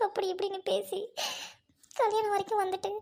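A woman's voice: extremely high pitch, level tone, fairly quick, creaky, mellow. A woman playing a grieving young widow, speaking in a sorrowful, pleading way as amateur drama acting.

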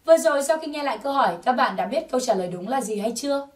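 A woman teaching an English test-prep lesson, slowly drilling English words for learners to repeat. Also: high voice, lively intonation, recorded from a distance. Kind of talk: scripted language lesson.

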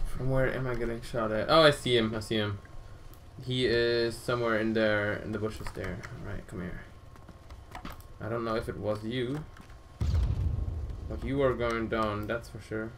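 A man's voice: fairly low pitch, steady tone, normal speed, long pauses, fairly bright tone, a little hiss or hum. A young man chatting casually with a friend while playing a shooter game, jumpy and exclaiming when he is shot at. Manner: jumpy, exclaims during firefights. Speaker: gameplay channel host. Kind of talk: casual gaming chat with a friend.

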